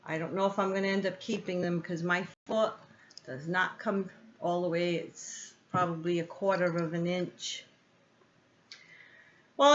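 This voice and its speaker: Slow, chatty woman unboxing. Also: medium pitch, a bit bright. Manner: chatty, unhurried, thinks aloud with ums. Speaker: vlogger. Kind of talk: casual unboxing chat. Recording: slightly muffled with faint noise.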